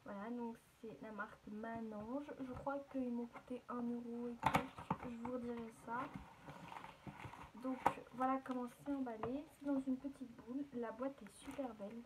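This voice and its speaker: A woman's voice: a little high, steady tone, normal speed, background noise. A woman chatting casually to her viewers as she unboxes and shows off a beauty haul, with plenty of fillers. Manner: chatty, filler-heavy, addresses viewers directly.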